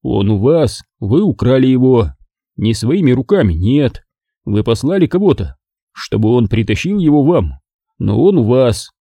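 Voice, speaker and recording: Man as blunt storybook detective, pressing, accusatory, very dark mellow voice, dry sound. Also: medium pitch, very animated, a little slow, no room sound. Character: persistent, blunt middle-aged male detective. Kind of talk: audiobook character reading.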